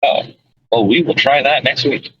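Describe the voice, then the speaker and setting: Husky man on a dull call line. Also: mid-range voice, normal speed, a bit bright, dry recording. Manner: rambling, self-correcting, chuckles often. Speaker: podcast co-host. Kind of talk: casual podcast chat. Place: in a moving car. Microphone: voice call from a phone.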